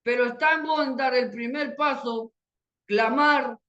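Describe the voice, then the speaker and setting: High-voiced Argentine woman preaching. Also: unhurried, a bit bright, dull audio. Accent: Argentine Spanish. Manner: earnest, pleading, repeats "look" as a filler. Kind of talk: sermon. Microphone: video call.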